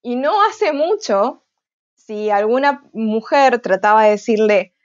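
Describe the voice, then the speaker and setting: A woman's voice: a little high, animated, takes it slowly, dry recording. Hesitant woman, dull dry audio. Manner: hesitant, with frequent filler sounds and restarts. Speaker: conference speaker. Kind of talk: online tech conference talk.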